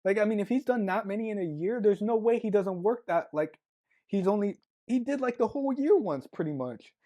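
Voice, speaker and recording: With a high-sitting, dark voice and lively intonation, a podcast co-host talks fairly quickly in casual conversation. He thinks out loud and rambles, peppering everything with fillers and lots of "like."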